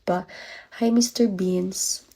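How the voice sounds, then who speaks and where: A woman's voice: mid-range voice, fairly even intonation, slow pace, creaky, mellow. A nineteen-year-old woman from the Philippines chatting on a livestream while tired and sick with a cold, greeting viewers and thanking them one by one. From Philippines, from Baguio. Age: 19, late teens. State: has a cold, tired and achy. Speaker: livestreamer, college student.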